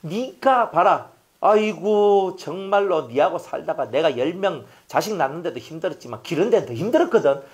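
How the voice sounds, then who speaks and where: A man's voice: high-pitched, pitched above the performer's own voice. A man with a Gyeongsang accent voicing a scornful, nagging middle-aged wife who scolds shrilly. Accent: Gyeongsang Korean.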